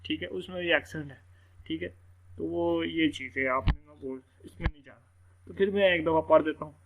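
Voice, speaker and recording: A man with a slightly high, gravelly voice teaches English reading at a moderate pace and a steady tone. His casual screen-recorded lesson is loose and repetitive, full of "theek hai." The recording sounds rough.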